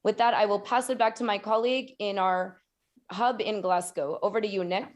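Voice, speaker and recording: A brisk, upbeat woman moderating a live panel, thanking her guests and handing the floor on. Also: medium pitch, fairly even intonation, lo-fi sound.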